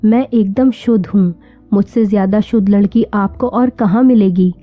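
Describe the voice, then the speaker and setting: A woman voicing a young bride who argues in a calm, persuasive way. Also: mid-range voice, normal speed, lightly acted. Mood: reasoning. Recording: tinny phone-like sound, faint music.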